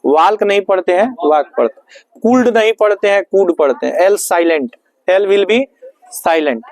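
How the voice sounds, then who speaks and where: A man's voice: high voice, expressive, moderate pace, darkish tone, poor audio. A male teacher running a grammar lesson in a classroom, firing repeated questions at his students.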